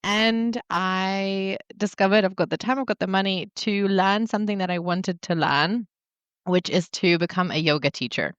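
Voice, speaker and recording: A woman's voice: mid-range voice, normal speed, dry recording. A woman in her thirties, born in Poland and raised in England, answering interview questions as a guest in an open, reflective way. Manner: reflective, open storytelling with small laughs. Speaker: guest, yoga teacher and wellness coach. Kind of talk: interview answers, personal story.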